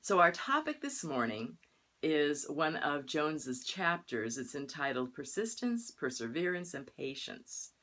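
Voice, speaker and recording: Low-voiced older woman minister telling stories. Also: measured pace. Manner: chatty storytelling, lively quoted voices. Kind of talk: sermon.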